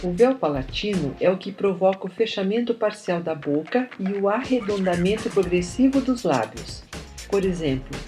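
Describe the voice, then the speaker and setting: A woman narrating a scripted grammar lesson, slowly spelling out example words. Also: mid-range voice, animated. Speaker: teacher. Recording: soft music behind the voice.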